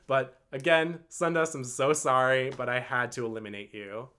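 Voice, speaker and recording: A man's voice: medium pitch, fairly even intonation, moderate pace, bright, forceful tone, clean tone. A man telling a long storytime vlog in an earnest, rambling way, full of "like" and "um". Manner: rambling and earnest, with many "like" and "um" fillers. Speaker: vlogger.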